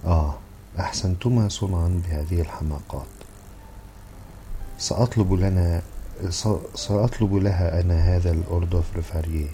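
A man reading the part of an earnest, excitable young man in love, in an eager, pleading way. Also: deep voice, normal speed, long pauses, a little hiss or hum, close to an everyday voice.

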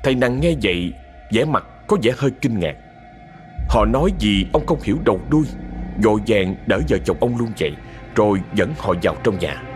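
A man narrates a horror tale with dramatic, expressive delivery. His voice sits fairly low but rises and falls a great deal. Faint music plays under him. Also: fairly quick. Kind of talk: scripted horror story narration.

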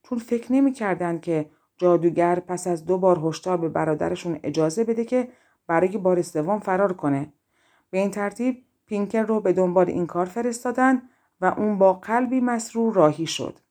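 Warm, low-voiced woman reading fairy tales. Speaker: audiobook narrator. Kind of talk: fairy-tale audiobook narration.

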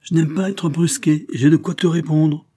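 A man's voice: on the high side, steady tone, normal speed, mellow, husky, pitched above the performer's own voice. A man reading aloud and voicing a provocative, mocking young male swindler in a storybook. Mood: taunting. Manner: provocative, taunting, cool.

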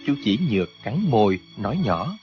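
A man narrating a martial arts novel for an audiobook, in an expressive, steady storytelling manner. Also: on the low side, normal speed, lo-fi sound, faint music behind.

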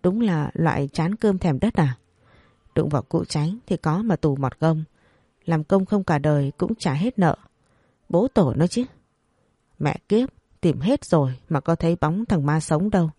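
A narrator voicing crude, swearing village patrolmen, raised a bit higher. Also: expressive, unhurried, warm tone, breathy edge, no room sound, clean studio sound. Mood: cursing. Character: coarse rowdy village patrolmen, men.

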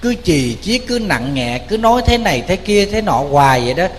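In a sermon, a monk with a Southern Vietnamese accent recounts a story straight to his listeners, animated and informal. He speaks briskly in a high-pitched voice. The large hall carries slight background noise.

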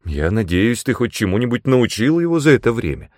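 Audiobook: a sly young woman ex-assassin, put on by a man, teasing, raised and lively. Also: medium pitch, no room sound, clean studio sound, pitched above the performer's own voice, lightly acted. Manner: teasing, brisk and reasoning. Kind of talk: audiobook character reading.

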